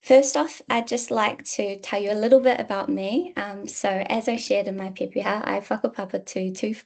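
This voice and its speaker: This woman, a university lecturer with a New Zealand accent, presents academic material in a measured manner, frequently filling pauses with "um." Her voice is mid-range, steady and gravelly.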